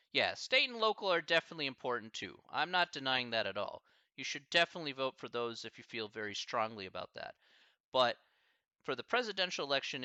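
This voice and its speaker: A math professor with a Midwestern American accent talks through student questions in an easygoing, chatty way. His voice is bright and forward. The audio is dry and dull, like a lo-fi stream. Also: mid-range voice, clean tone, no room sound. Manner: chatty, easygoing, thinks aloud. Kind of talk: casual live Q&A with students.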